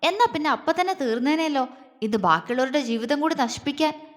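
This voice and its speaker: A harsh, contemptuous young husband in a romance audio story, read by a woman. The voice sits high and rings out with a long hall reverb behind it. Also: lively intonation, brisk. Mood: scornful. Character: angry scornful young husband.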